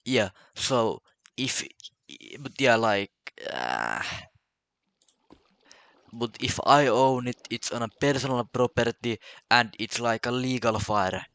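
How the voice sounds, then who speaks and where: A Finnish man, a native Finnish speaker with a Finnish accent, talks casually to camera in a solo vlog, stammering and repeating words. His mid-range voice is gravelly and fairly bright, slow but with lively intonation, and there's no echo.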